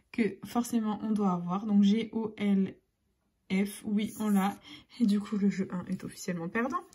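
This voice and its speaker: Husky-voiced woman narrating scratch cards. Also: fairly high pitch. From France. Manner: chatty, spells out letters, drifts into soft half-whispers. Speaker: YouTuber scratching lottery tickets. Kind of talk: casual scratch-card vlog narration.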